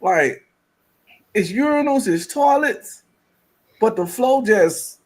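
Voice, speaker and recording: High-voiced man in loose casual chat. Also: expressive, takes it slowly. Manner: loose, rambling, laughing between lines. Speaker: podcast co-host.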